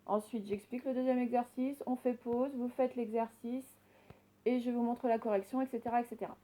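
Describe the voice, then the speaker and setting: Woman, primary teacher, warm higher voice, careful sounded-out words for a recorded reading lesson. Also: steady tone, poor audio. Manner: slow, clearly sounded-out words, gentle instructions.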